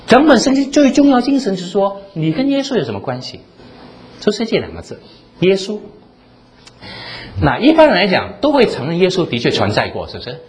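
A man preaching a sermon, animated, asking the room rhetorical questions and quoting scripture in dramatic voices. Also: high-pitched, fairly quick. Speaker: pastor.

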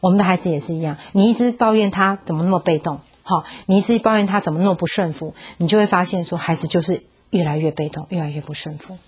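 Husky-voiced woman telling a story. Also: on the low side, quick pace. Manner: storytelling, coaxing questions to the audience; mixes in English words. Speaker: parenting speaker. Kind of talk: parenting talk with a Bible story.

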